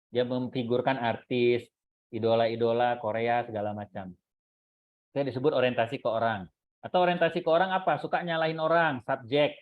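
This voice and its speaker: A middle-aged man talks parents through child temperament in an animated, explanatory way, pausing on fillers and acting out little quotes. His voice sits in an ordinary middle pitch. The sound is thin and phone-like. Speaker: parenting speaker and test consultant. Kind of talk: seminar talk to parents. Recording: phone-like narrow band.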